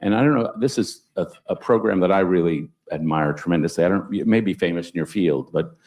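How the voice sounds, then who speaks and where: A man speaking on a conference panel, telling anecdotes with sudden upward jumps in pitch for emphasis. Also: a little fast, a little mellow. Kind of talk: panel discussion storytelling.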